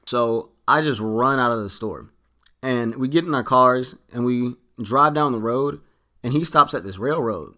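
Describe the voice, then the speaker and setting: A man's voice: medium pitch, a little slow. A young man in his late teens or early twenties, a vlogger telling a story casually and acting out what people said. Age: young adult. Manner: animated, quoting himself and others in dialogue.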